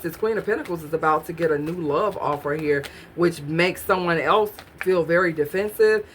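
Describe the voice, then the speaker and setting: A woman's voice: lowish voice, fairly bright tone, slight background noise. A woman doing a casual tarot reading, musing aloud and questioning the cards as she pulls them. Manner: musing, talks to herself while pulling cards. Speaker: tarot reader.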